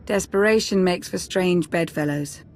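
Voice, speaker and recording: A woman playing a composed, shrewd strategic advisor in a video game, measured and dry in delivery. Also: on the low side, slight background noise, close to an everyday voice.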